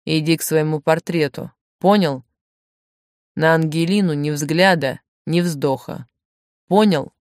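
A woman's voice: fairly low pitch, measured pace, few pauses, darkish tone, dry recording, clean studio sound. A woman voicing a jealous, stern male truck driver in a storybook reading, speaking curtly and with threat. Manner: curt and threatening.

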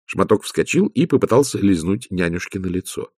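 A man narrating an audiobook in lively storytelling style. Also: sits low, brisk, breathy edge, dry recording, clean studio sound. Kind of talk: scripted narration.

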